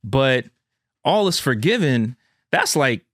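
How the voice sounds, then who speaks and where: A podcast host tells a heartfelt personal story, earnest and emphatic, calling the listener "man" and "bro." His medium-pitched, fairly bright voice moves slowly with big pitch swings, captured in a dry, studio-quality recording.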